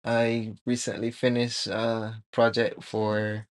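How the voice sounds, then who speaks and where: A man from Barbados, streaming live as a 3D artist, chatting casually and thinking aloud with many pauses and fillers while he works. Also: fairly low pitch, no room sound, studio quality. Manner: relaxed, rambling, thinks aloud with many ums.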